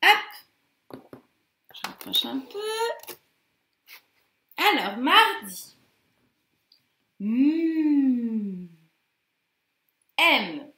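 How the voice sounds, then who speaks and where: A woman teacher recording a lesson for young children, gentle and sing-song, spelling out letter shapes. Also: sits high, wildly swooping pitch, drawn-out words, pauses often. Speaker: schoolteacher. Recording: roomy echo.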